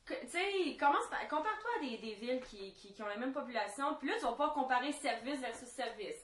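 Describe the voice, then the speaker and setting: High, bright-voiced French Canadian woman. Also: animated, fast. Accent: Quebec French. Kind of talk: casual podcast chat. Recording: roomy, echoey room sound.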